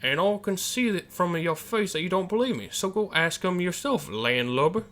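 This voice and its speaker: A man voicing a gruff, weary old sea captain who grumbles in salty sailor talk, calling people landlubbers. Faint music plays behind him. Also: high-pitched, animated, normal speed, a bit bright, voice pushed up.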